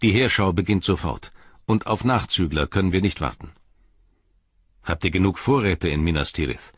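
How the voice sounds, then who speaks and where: A man reading the lines of an old king, grave and commanding, measured in his speech, in a dull lo-fi audiobook recording. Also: low-pitched, slightly rough, no echo.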